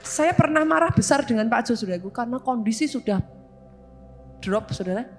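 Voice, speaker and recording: High-voiced woman pastor, animated sermon. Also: fairly quick, faint music behind. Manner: animated storytelling, constantly addressing listeners. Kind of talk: sermon with personal stories.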